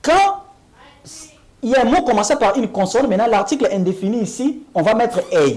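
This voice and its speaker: Woman teaching English on TV, lively pitch. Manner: explains in French, repeats English examples slowly, asks "Ok?". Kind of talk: televised language lesson.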